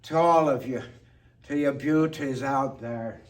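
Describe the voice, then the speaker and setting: Recorded on a distant mic, a medium-pitched man delivers a theatrical series of toasts, playing a tipsy, playful toastmaster and pausing deliberately.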